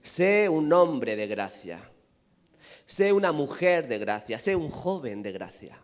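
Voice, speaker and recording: A man with a Spanish accent from Spain preaching a sermon, building to loud emphatic peaks and questioning the congregation. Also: fairly high pitch, big pitch swings, slow. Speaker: pastor. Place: church hall. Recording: reverberant hall.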